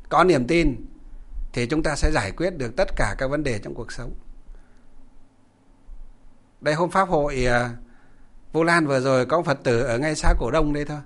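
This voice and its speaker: A Buddhist monk, a man, gives a dharma talk in a fairly high voice. He keeps posing rhetorical questions and answering them himself, repeating his points earnestly as he instructs his listeners.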